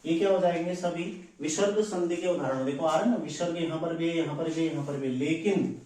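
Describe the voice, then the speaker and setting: A man's voice: fairly high pitch, a little fast, darkish tone. A man from teaching an exam-prep lesson, explaining each answer step by step and often checking in with his listeners. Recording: very echoey, distant from the mic.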